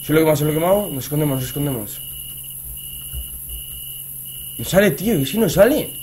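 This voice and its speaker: A young man with a Spain Spanish accent giving gameplay commentary, excitable and repeating phrases as he swings between muttering and shouting. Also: fairly high pitch, a little fast, a little hiss or hum. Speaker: gaming youtuber.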